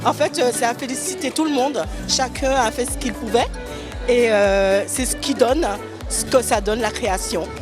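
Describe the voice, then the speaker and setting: A woman's voice: a little high, normal speed, music in the background. A woman fashion designer and children's author, answering at length with many hesitations and fillers. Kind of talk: interview at a fashion show.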